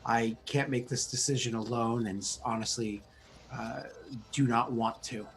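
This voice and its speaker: Measured, formal male tabletop player. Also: mid-range voice, fairly even intonation, a bit bright. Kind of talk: deliberate, in-character tabletop play.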